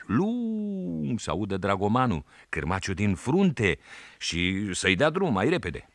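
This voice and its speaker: A man voicing a cheeky, quick-witted village schoolboy, a raftsman's son, with playful sing-song calls. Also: on the low side, huge pitch swings, fairly bright tone, no echo, clean studio sound, voice pushed up, full character voice.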